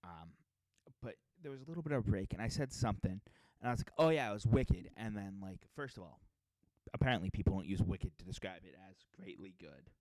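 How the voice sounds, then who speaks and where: This young man from the Metro West Boston area speaks with a Boston accent in a low, expressive, slightly mellow voice, talking fast. Co-hosting a podcast over a podcast mic with no echo, he rambles in a laid-back casual chat full of fillers and restarts.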